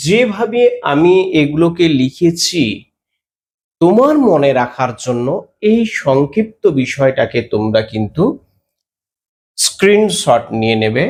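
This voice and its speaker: Lively male teacher explaining grammar. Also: on the high side. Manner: explanatory, with many hesitations and demonstrations of sounds. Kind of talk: grammar lesson.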